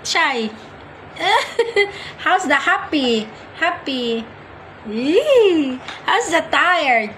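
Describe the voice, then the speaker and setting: A woman's voice: high voice, lively intonation, extremely slow, pushed and bright, slight background noise. A young Filipino-accented mother playfully coaxing her toddler through faces at home, giggling often. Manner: coaxing, giggly, sing-song prompting.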